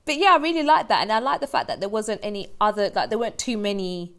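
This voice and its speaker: A woman's voice: medium pitch, lively intonation, quick pace, fairly bright tone. A woman hosting a podcast, chatting casually and giggling often. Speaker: podcast host.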